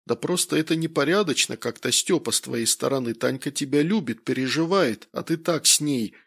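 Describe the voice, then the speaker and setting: A man voicing a weary, thoughtful man who speaks slowly and quietly, in an audiobook. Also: mid-range voice, creaky, husky. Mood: reproachful. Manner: slow, subdued.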